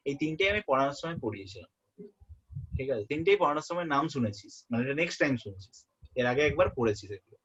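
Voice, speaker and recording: A man's voice: fairly high pitch, a bit bright. Man tutoring, repeating key terms. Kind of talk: informal exam-prep lesson. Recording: muffled lo-fi audio.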